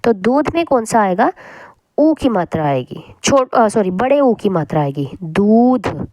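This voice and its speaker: A woman teacher explaining a spelling lesson patiently, repeating words slowly to show how they sound. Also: medium pitch, very animated, darkish tone, dry recording.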